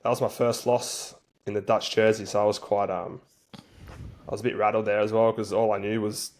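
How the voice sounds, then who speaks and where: A man with a fairly low voice gives a casual interview as a guest. He tells stories in a laid-back, slangy, colloquial way. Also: level tone, normal speed. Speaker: interview guest, rugby league player for a national team.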